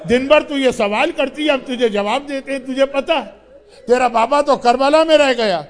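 A man voicing a tender grieving aunt who gently soothes a child, in a mourning sermon. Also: very high voice. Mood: gentle soothing.

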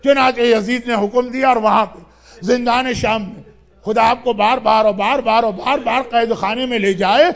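A man's voice: very high voice, fairly even intonation, vocal fry. A male preacher telling a mournful story in an emotional sermon, with rhythmic, lamenting delivery. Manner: rhythmic, lamenting, dramatic narration.

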